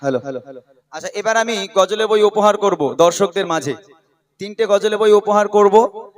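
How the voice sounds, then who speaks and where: A man with a high-pitched voice speaks earnestly to a gathered crowd, preaching and telling stories between songs. He addresses the listeners directly, with the feel of a live stage event. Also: normal speed. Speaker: gojol singer and preacher. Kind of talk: stage religious talk and storytelling.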